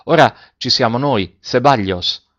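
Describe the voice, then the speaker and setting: A man's voice: medium pitch, a little slow, a bit bright, muffled recording, lightly acted. A man reading aloud and voicing a curt, polite young woman who answers briefly.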